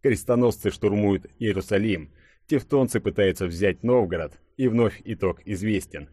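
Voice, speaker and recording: A man reading an audiobook in a dramatic, measured storytelling manner. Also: on the low side, dark tone, no echo, clean studio sound. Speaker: audiobook narrator. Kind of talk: scripted audiobook narration.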